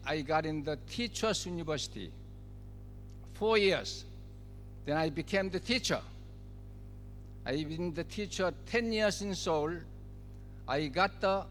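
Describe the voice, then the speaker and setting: A man in his seventies from South Korea gives a forum speech as a guest speaker in Korean-accented English. His voice is fairly high and a bit bright, with a long reverb tail, and he speaks in short, emphatic phrases that repeat key words.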